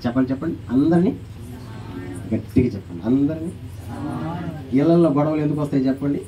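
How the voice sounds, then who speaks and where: A man preaching a sermon as pastor, animated, calling on the congregation to answer aloud and acting out quoted voices. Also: a little high, quick pace, recorded from a distance, faint music behind, poor audio.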